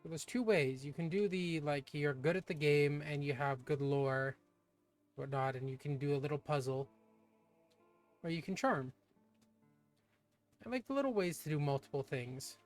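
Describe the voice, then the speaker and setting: Rambling gamer man, a bit high. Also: normal speed, pauses often, soft background music. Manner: casual, rambling, swears offhandedly. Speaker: gaming streamer. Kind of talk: let's play commentary.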